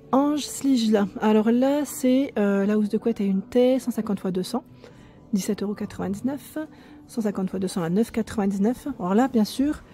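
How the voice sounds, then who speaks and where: A woman's voice: on the high side, dark tone. A woman casually vlogging a walk through a large furniture store, chatting along, reading prices aloud and stumbling over product names. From France. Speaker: shopping vlogger. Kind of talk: casual store walkthrough vlog.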